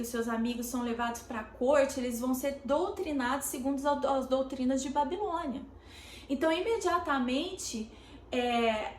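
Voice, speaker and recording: A Brazilian woman pastor preaches in a high voice, taking her time with pauses and fillers before pressing hard on key words. Her sermon rings with a roomy echo, and faint noise sits underneath. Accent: Brazilian Portuguese. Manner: deliberate, halting, with many pauses and "é" fillers. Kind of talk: sermon, streamed teaching.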